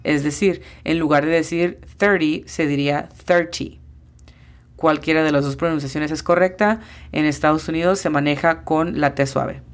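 A woman's voice: sits low, fairly even intonation, normal speed. A woman teaching an English lesson in a podcast, patiently spelling out pronunciations letter by letter.

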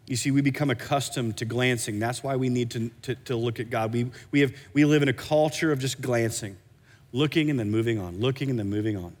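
A man preaching a sermon as pastor, animated, often stumbling and repeating words as he restarts a thought. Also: mid-range voice, brisk, big-room sound.

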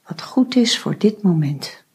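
A woman guiding a meditation, giving slow, soft instructions with long pauses. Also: lowish voice, expressive, breathy edge. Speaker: meditation guide. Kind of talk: guided meditation.

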